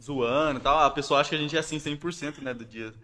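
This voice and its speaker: Fast-talking young Brazilian man. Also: fairly high pitch, bright, forceful tone. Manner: slangy, laughing storyteller. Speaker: YouTuber. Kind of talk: casual chat.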